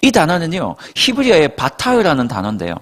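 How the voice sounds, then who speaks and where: A male pastor preaching a sermon to young adults in a lively storytelling style, speaking to the congregation directly and acting out dialogue. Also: on the high side, quick pace. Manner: addresses listeners directly and conversationally. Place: church worship service.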